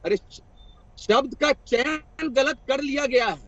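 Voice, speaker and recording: A man's voice: very high voice, takes it slowly, a bit bright. A man, a party spokesperson in a heated TV debate, heard over a patchy remote connection, talking defensively, repeating himself and talking over the host. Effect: heard over a patchy remote line. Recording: dull lo-fi remote call audio.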